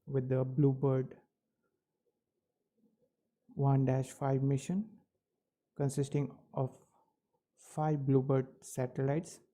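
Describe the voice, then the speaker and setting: A man giving live technical commentary as a launch webcast host, with halting, measured phrasing. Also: medium pitch, level tone, mellow.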